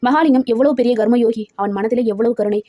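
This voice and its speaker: A woman's voice: a little high, fairly quick, dry recording. Woman storyteller, close and dry. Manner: steady, expressive reading. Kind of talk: reading a story aloud.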